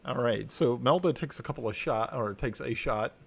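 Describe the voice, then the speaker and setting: A man running a tabletop game as dungeon master, narrating slowly with many fillers and restarts. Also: mid-range voice, vocal fry, slightly rough.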